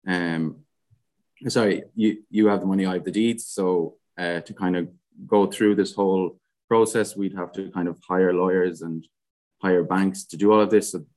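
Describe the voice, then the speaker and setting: A young man with a west of Ireland accent, talking casually and haltingly as an interview guest. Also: sits low, steady tone, darkish tone. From Galway, west of Ireland. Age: young adult. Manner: hesitant, halting, frequent "like". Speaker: podcast guest, student society president.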